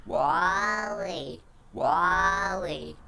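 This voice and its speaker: A man's voice sample run through a metallic granular synth filter to sound like a small robot repeating its name, with a gravelly tone and warbling pitch. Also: very slow, pushed and bright, full character voice. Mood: chirpy.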